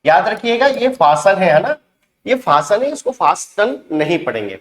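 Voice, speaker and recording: Guy teaching english verbs, saying each one twice, highish voice, echoey room. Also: wildly swooping pitch. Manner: repeats each word twice in a slow, deliberate drill. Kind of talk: spoken vocabulary drill.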